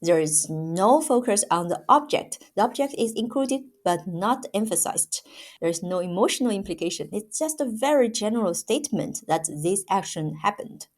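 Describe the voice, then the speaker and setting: A woman's voice: mid-range voice, lively intonation, moderate pace, a little mellow. A woman giving a patient, emphatic grammar lesson as a language teacher, repeating each example.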